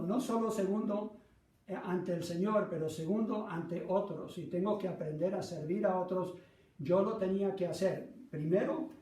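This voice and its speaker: A middle-aged pastor with a high-pitched, warm voice preaches a sermon built on personal anecdotes, speaking earnestly and poking fun at himself. He has a Latin American Spanish accent, being from Argentina and raised by North American parents. The recording sounds roomy and echoey, with the microphone placed at a distance.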